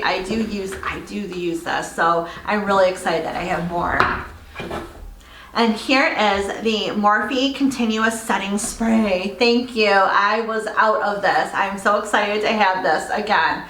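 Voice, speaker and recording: A woman beauty vlogger chatting casually through an unboxing, gushing and excitable. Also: mid-range voice, reverberant, a little hiss or hum, poor audio.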